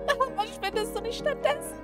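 A woman voicing a possessive young princess who pleads in a high, tearful way. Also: a little fast, over loud music. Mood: desperate, pleading.

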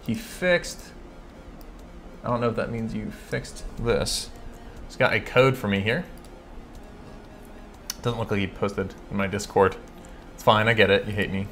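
Low-voiced man thinking aloud while coding. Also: creaky, a bit bright, faint music behind. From California. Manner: chatty, thinks aloud, frequent fillers and self-corrections; reads code aloud slowly while typing. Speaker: livestream host answering coding questions. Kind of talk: casual live coding stream.

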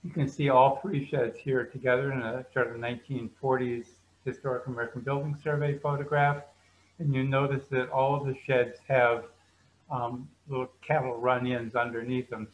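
A man's voice: mid-range voice, a little hiss or hum, poor audio. A man guiding viewers through a slideshow tour of a museum building, explaining at an easy pace with frequent ums.

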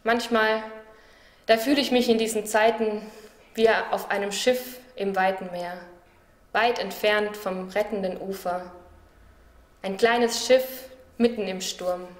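A woman speaker from a church district giving a spoken devotional reflection in a calm, measured, reflective way. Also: mid-range voice. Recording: roomy echo.

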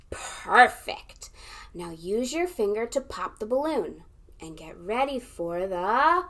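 A young woman as a children's librarian leading a storytime read-aloud. She is animated, gasps for effect and keeps inviting the listener to join in. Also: mid-range voice, takes it slowly.

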